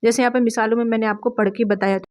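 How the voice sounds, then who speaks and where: A woman's voice: a little high, fairly even intonation, a little mellow. Patient woman teaching Quran reading. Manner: slow, drawn-out spelling of letters and vowel marks; patient, repetitive explaining with rhetorical questions. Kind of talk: step-by-step recitation lesson.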